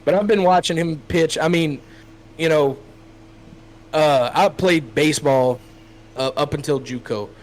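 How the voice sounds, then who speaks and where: A man's voice: on the high side, a little slow, pauses often, rough recording. Joking guy rambling as a podcast guest. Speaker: guest streamer. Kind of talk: casual podcast chat.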